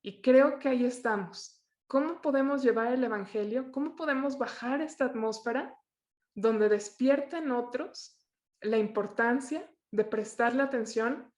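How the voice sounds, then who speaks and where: A woman's voice: fairly high pitch, a little slow, darkish tone. A young adult woman, sharing a personal testimony in earnest, searching storytelling that often restarts its sentences. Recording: echoey room.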